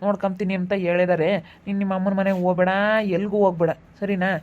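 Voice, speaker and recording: Woman doing a sister-in-law talking fast to calm things down, muffled lo-fi sound. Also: mid-range voice, close to an everyday voice. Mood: reassuring. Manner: quick, reassuring.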